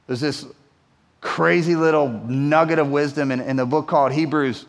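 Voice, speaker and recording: A man preaching a sermon as pastor, talking in a loose, conversational way and swinging between loud emphasis and hushed, quiet stretches. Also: fairly high pitch, fairly even intonation, moderate pace. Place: church sanctuary. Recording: long hall reverb.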